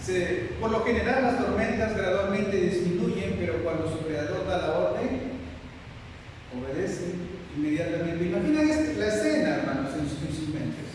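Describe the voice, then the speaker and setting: Man preaching, high voice, booming hall reverb, distant mic, noisy room. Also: expressive, moderate pace. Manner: emphatic, acts out quoted prayers with rising pitch. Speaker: pastor. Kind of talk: sermon.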